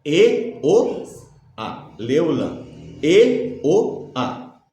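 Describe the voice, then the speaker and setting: Lively echoing male Bible teacher. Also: on the high side, very slow. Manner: asks rhetorical questions and answers them himself; dictates letters for viewers to write down. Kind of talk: religious teaching lecture. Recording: very echoey room.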